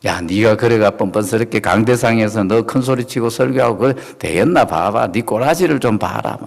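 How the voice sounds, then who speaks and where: A man's voice: lowish voice, brisk, creaky. A man voicing a scornful, accusing male devil who jeers at a preacher. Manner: mocking, jeering.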